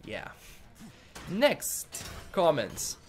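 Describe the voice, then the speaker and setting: A man's voice: fairly high pitch, huge pitch swings, extremely slow, soft background music. A man from Bosnia, hesitantly reviewing a game and answering viewer comments, full of fillers and repeated words. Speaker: gaming YouTuber.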